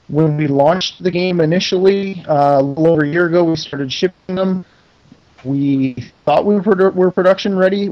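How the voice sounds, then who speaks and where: Folksy, enthusiastic and quick to poke fun at himself, a middle-aged man who owns a pinball company chats as a guest in a casual interview. His somewhat high voice comes through on dull-sounding audio.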